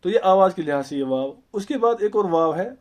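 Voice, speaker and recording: A man teaching an Urdu grammar lesson, explaining slowly and patiently with repeated examples and rhetorical questions. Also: sits high, animated, a little mellow.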